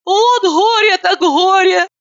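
A woman reading an audiobook, voicing an excitable, tearful plump housewife who talks in shrill, wailing exclamations. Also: normal speed, highs cut off. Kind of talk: audiobook character voice.

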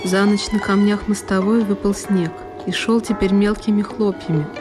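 A woman narrates a literary drama in the first person, emotive and theatrical, performing solo. Her voice is medium-pitched and steady at a moderate pace, with music playing in the background.

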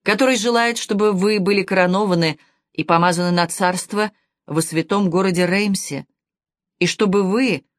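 A woman's voice: mid-range voice, normal speed, no echo, clean studio sound, natural voice. A woman reading the lines of a devout, fervent young peasant girl in an audiobook, speaking reverently and earnestly.

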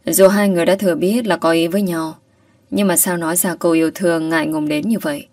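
Low-voiced woman narrating a story. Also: fairly even intonation, fast, a little mellow, dry recording, clean studio sound, recorded from a distance. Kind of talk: first-person audio story narration.

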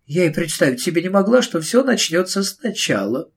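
A man performing a fretful, prim middle-aged witch speaks in a raised, slightly husky voice. Her tone is primly insistent and anxious, as in a storybook read aloud. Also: sits high, big pitch swings, normal speed, pitched above the performer's own voice, exaggerated voice. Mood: flustered.

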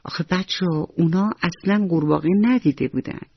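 A man telling a bedtime story to children on radio, gentle and playful, speaking right to the kids. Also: sits high, gravelly, dry recording. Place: radio studio. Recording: dull lo-fi radio recording with faint music.

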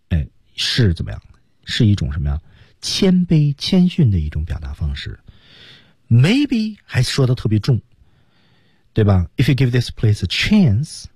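A man's voice: a little mellow, slightly rough, dry recording, studio quality. A man teaching English on a radio lesson, explaining phrases with emphatic rises and falls. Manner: explanatory, emphatic swings between high and low.

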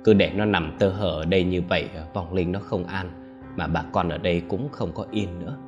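A worried village neighbor, put on by a male storyteller, pleads in a low, hesitant murmur. The voice sits deep and quiet, with soft music underneath. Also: fairly quick, muffled recording, close to an everyday voice. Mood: pleading.

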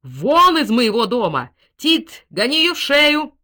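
A nervous, blustering gentleman in a storybook, as a woman narrator puts him on. He turns meek, then shouts in a panic, his pitch jumping about. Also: sing-song, slow pace, full character voice. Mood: panicked shouting.

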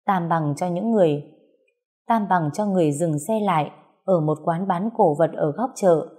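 A woman narrating a novel as an audiobook, reading in a steady, unhurried way. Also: on the low side, breathy edge.

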